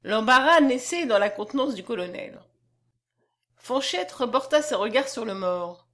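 A woman narrating a classic novel as an audiobook, with a measured, expressive reading. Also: a little high.

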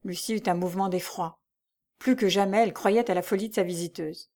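A woman narrating a classic novel in a steady, composed storytelling voice. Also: medium pitch, a little fast. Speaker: audiobook narrator.

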